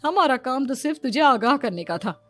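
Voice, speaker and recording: A woman's voice: high voice, animated, normal speed, no echo, faint music behind. A woman playing a meddling, judgmental middle-aged neighbour in a cartoon moral story. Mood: disapproving.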